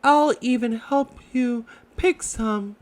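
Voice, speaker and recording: A man's voice: very high-pitched, takes it slowly, voice pushed up. A man voicing a small, sweet, eager and timid piglet in a children's storybook.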